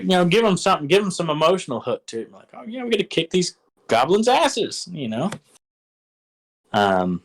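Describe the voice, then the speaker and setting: A game master casually rambles through advice on running a tabletop game, enthusiastic but heavy on fillers and restarts. His voice is fairly high, and the audio quality is poor.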